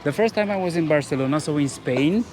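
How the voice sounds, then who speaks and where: A young man from Romania chats as a local guest, answering with quick eager yeses. His voice sits a little high. Faint traffic noise drifts in from the street. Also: lively intonation, darkish tone. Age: young adult. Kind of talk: casual street interview. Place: outdoors walking in a city old town.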